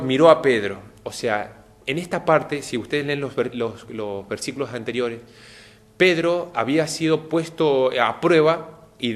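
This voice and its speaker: A male preacher gives a televised sermon in a mid-range voice. He talks straight to his listeners and acts out the quoted lines with sudden rises in pitch and force. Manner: addresses the audience directly.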